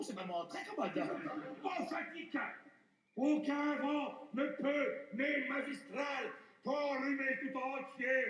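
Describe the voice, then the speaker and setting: A man's voice: very high voice, a bit bright, exaggerated voice. An actor playing a proud, witty swordsman-poet who mocks rivals, declaiming classical verse like a hammy stage actor. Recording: roomy echoing stage, distant microphone.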